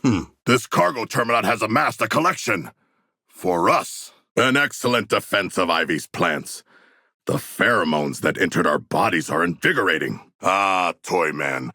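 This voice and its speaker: An actor playing a huge, noble, battle-hungry shark warrior in a video game, speaking in formal, literal-minded, grandiloquent language with a rough gravelly voice. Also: male voice, low voice, measured pace, pushed and bright, no echo, clean studio sound, heavily acted. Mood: polite, earnest. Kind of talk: video game character voice lines.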